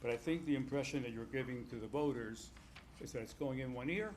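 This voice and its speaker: A man originally from Cuba addresses a town commission in an assertive, critical tone. His voice sits at an ordinary pitch, over faint room noise. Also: brisk, a little mellow. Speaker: public commenter. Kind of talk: public comment at a town meeting.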